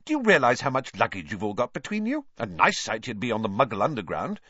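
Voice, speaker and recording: A man voicing a proud, fussy middle-aged mother who talks briskly and shrilly. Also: on the high side, wildly swooping pitch, fairly bright tone, dry recording, dull audio, pitched above the performer's own voice, exaggerated voice.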